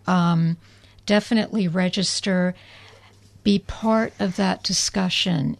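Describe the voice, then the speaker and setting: A woman appears as a guest on community radio. She speaks low and unhurried, giving each detail deliberately and earnestly. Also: vocal fry, darkish tone. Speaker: activist guest. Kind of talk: radio interview.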